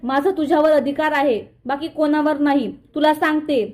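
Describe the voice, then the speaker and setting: A woman's voice: sits high, steady tone, moderate pace, darkish tone, close to an everyday voice. A woman voicing a stern, protective middle-aged mother who speaks firmly and bluntly.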